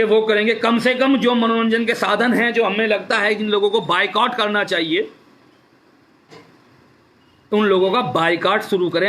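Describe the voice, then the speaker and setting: Speaking on a Facebook live stream, a male activist gives a fervent, repetitive address full of rhetorical questions. His voice is high-pitched, pushed, and bright, captured through a phone or webcam.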